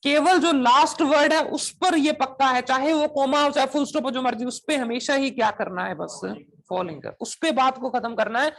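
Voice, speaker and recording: A man's voice: very high-pitched, normal speed, a bit bright. Male PTE teacher quizzing his class. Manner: keeps checking if students understand, drills with questions; switches between Hindi and English demonstration phrases. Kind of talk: classroom lecture to students.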